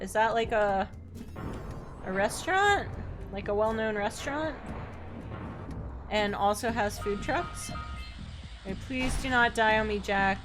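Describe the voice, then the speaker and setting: A woman live streaming a video game with casual, playful chat in a cute, bubbly anime-streamer manner, often slipping into sing-song repeats. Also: on the high side. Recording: music playing behind the voice. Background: game music.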